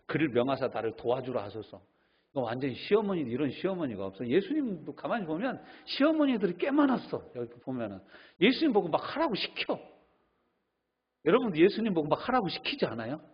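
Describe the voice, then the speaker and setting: Husky, lively Korean pastor preaching. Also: male voice, high-pitched, fairly quick, lo-fi sound. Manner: animated storytelling, acting out quoted voices. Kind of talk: sermon.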